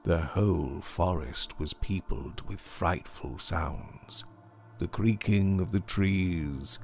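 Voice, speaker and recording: A man narrating a horror story dramatically and theatrically, dropping at times to hushed whispers. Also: low voice, slow, vocal fry. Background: faint music score.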